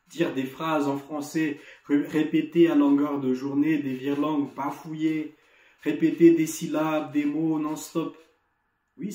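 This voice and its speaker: A Malagasy-accented man speaks slowly and earnestly, urging students on, his voice a touch higher than most men's yet warm and mellow. He often stumbles and repeats words, and the sound comes over a video call from an echoey room. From Madagascar. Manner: earnest, encouraging, with frequent restarts and repeated words. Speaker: association delegate giving an opening lesson. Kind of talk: motivational speech to students.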